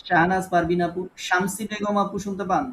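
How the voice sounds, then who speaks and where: High-voiced patient male recitation teacher. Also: fairly even intonation, a little fast, a bit bright, slight background noise. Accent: Bangladeshi Bengali. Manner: patient, corrective, prompting students to read. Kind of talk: online class, calling on students.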